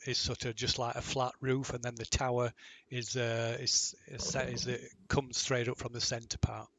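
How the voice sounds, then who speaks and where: A man's voice: mid-range voice, flat delivery, normal speed, vocal fry, fairly bright tone. A man running a tabletop game as game master, talking in a hesitant way with many restarts.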